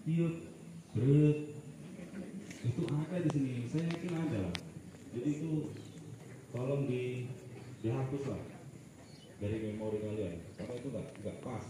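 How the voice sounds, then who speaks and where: A man's voice: medium pitch, normal speed, long pauses. Man, lecturing students, firm, corrective, assembly speech, distant mic, noisy. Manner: firm and corrective, with casual asides. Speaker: speaker addressing students at a school assembly. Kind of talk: lecturing, giving instructions. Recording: echoey, far from the mic, noisy.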